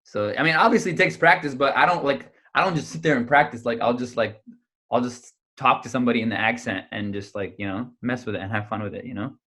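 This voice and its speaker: Over a video call, an animated young comedian from the United States chats as an interview guest, talking fast at a medium pitch. His storytelling spills out with lots of fillers and false starts.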